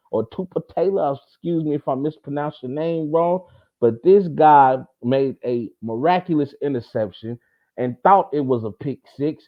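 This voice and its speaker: Slangy sports show host guy, gets fired up, sounds like a phone line. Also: medium pitch. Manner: emphatic, slangy, builds to excited outbursts. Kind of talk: casual sports commentary.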